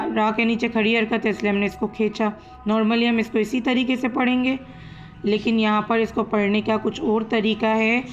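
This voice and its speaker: Woman teaching tajwid, drawn out spelling of letters, a bit muffled sound. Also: mid-range voice. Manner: slow, drawn-out letter-by-letter recitation. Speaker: Quran recitation teacher. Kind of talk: patient step-by-step lesson, spelling out letters.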